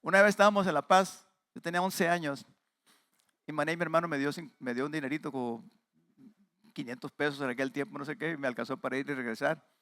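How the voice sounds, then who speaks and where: A man with a Mexican Spanish accent, preaching a sermon and speaking straight to the congregation, emphatic with quieter asides. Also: a little high, quick pace, no echo, clean studio sound. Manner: addresses the congregation directly. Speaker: pastor.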